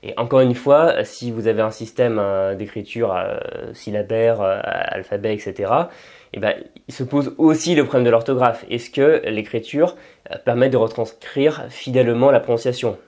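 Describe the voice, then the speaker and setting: French guy explaining language stuff, lots of ums, mellow warm voice. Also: mid-range voice, normal speed. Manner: thinks aloud with frequent hesitations and restarts. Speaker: language-learning video host. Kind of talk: informal explanatory talk.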